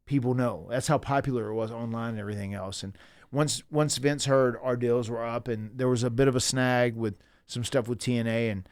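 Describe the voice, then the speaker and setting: A man in his fifties, a pro wrestler telling stories in a casual interview, animated and full of restarts and fillers. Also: medium pitch, a little fast, smooth, no room sound. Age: 50s.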